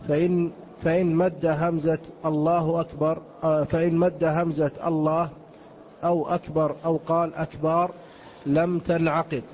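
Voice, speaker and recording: A man reading a religious text aloud in a lesson, in a steady, formal way. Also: fairly high pitch, moderate pace, a little hiss or hum. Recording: muffled lo-fi lecture recording.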